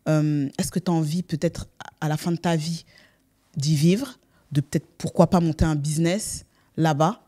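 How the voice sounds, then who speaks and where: Agreeable podcast host with a higher voice. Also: male voice, dark tone. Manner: agreeable, encouraging, quick to affirm. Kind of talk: casual interview.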